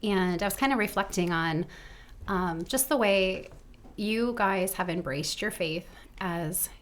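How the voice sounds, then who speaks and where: A middle-aged woman hosting a podcast, chatting casually with her grown children in a bubbly, gushing way, quick to laugh. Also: mid-range voice. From Midwestern United States. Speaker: podcast host. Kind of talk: casual family chat.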